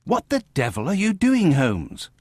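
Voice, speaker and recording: An actor playing an earnest, excitable English gentleman doctor in a video game, formal and expressive. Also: a little high, a little slow, noisy background. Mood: questioning, exasperated. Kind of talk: video game cutscene acting.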